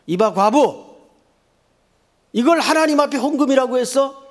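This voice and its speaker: A man voicing a harsh, scornful male temple priest who yells contemptuously. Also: very high voice, expressive, measured pace, voice pushed up. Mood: scornful yelling. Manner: yelling contemptuously.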